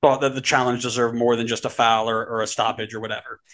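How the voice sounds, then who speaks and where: A man co-hosting a casual soccer podcast, with a mid-range voice. He tells stories with animated energy, and his voice climbs as the excitement builds. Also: fast talker. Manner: animated storytelling, climbing pitch when excited. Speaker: podcast co-host.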